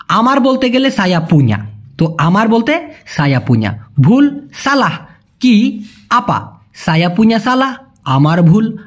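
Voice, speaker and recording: A language teacher, speaking in a colloquial way and repeating example phrases slowly. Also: medium pitch, husky. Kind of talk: language lesson.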